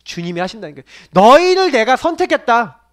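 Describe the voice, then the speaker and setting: Male pastor, sermon delivery, high-pitched and highly animated, sudden loud-to-hushed shifts. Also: fast. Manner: quotes scripture in raised declaiming voice.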